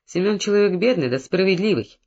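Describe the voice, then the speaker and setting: A man's voice: high-pitched, expressive, fairly quick, darkish tone, dull audio. A man reading aloud voices an older peasant father who talks plainly and good-naturedly. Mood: calm.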